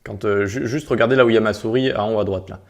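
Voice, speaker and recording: A man's voice: on the low side, fairly even intonation, quick pace. A man walking viewers through a coding tutorial step by step, in a casual explaining manner with little sound words as he clicks. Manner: casual, explains step by step, peppers speech with 'tac' and 'hop'. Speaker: web development instructor. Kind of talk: screen-recorded coding tutorial.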